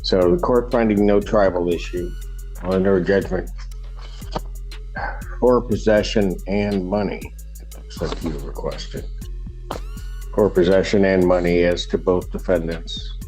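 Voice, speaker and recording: A man's voice: low voice, measured pace, long pauses, darkish tone, faint music behind, low-quality recording. A man serving as judge, patiently explaining a ruling step by step in a courtroom recording. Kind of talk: courtroom proceedings.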